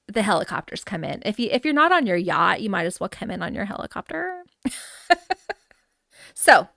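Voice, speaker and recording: A middle-aged woman hosts a live gameplay stream, chatting loosely, laughing often and calling out viewers by name. Her voice sits at an ordinary middle pitch. It comes through a close mic with a dry, roomless sound. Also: gravelly, fairly bright tone, no echo. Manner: chatty and giggly, reading out chat names. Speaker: livestream host touring a game island. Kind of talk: casual live gameplay chat.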